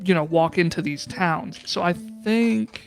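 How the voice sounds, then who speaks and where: A man's voice: high-pitched, a little slow, vocal fry, soft background music. A man running a tabletop game as game master, rambling and self-deprecating as he thinks aloud. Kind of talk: casual streamed tabletop game chat.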